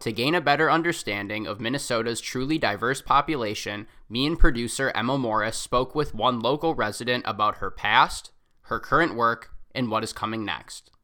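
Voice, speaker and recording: A man's voice: mid-range voice, moderate pace, pushed and bright, faint music behind. A man reading a scripted introduction to a radio interview segment and asking the guest to introduce herself. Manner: reads from a script, handing off to a co-host. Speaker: host, interviewer.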